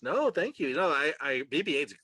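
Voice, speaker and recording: A man's voice: on the high side, very animated, bright, forceful tone, breathy edge, dry recording. A man hosting a casual group podcast chat, upbeat and encouraging. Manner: upbeat, encouraging, quick to laugh. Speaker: podcast host.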